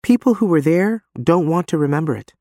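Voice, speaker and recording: A man's voice: on the high side, expressive, a little fast, warm tone, no room sound, studio quality, pitched above the performer's own voice. A man voicing a guarded but insistent woman war veteran in an audiobook. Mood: frank, guarded. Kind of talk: audiobook character dialogue.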